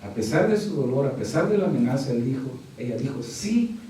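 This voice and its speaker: Fiery pastor preaching in an echoey hall. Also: male voice, animated, quick pace, a little hiss or hum. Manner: swings between quiet storytelling and loud, high preaching; keeps addressing the congregation as brother. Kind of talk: sermon. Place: church hall. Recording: very echoey hall, mic from a distance.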